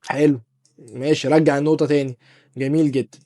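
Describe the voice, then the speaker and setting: Egyptian guy doing a quick jokey software tutorial, talks super fast, keeps calling you dear artist. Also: on the high side, little pitch movement. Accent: Egyptian Arabic. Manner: chatty, joking, addresses viewer as dear artist. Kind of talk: casual screen-recorded tutorial.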